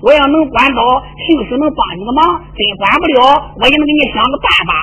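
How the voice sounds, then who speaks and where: A man voicing a kindly elderly prime minister disguised as a beggar, coaxing in folksy chanted speech over loud string music. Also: very high voice, lively intonation, quick pace, muffled recording, full character voice. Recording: loud string accompaniment behind.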